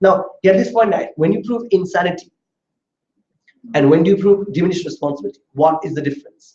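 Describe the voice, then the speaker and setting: Speaking fast with a warm, high-sitting voice, a man teaches a law class, explaining each step and putting questions to the students. It's a classroom lecture by a law tutor, recorded in dull, roomy lo-fi sound.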